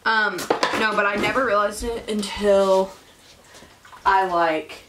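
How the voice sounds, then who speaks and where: A teenage girl with a Midwestern accent chats and rambles through a cooking vlog, piling up fillers as she talks. Her voice sits at an everyday middle pitch. She is recorded in a home kitchen by a camera on the counter, with a faint hiss behind her. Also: steady tone, slow, a bit bright. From Indiana, US. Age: teen, 15. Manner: chatty, rambling, lots of fillers. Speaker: vlogger host. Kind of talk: casual chat while cooking.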